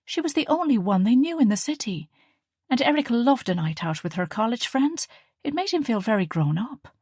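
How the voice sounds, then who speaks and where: A woman narrating a historical novel audiobook in a calm, measured way. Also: medium pitch, breathy edge, no room sound, studio quality. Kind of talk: scripted narration.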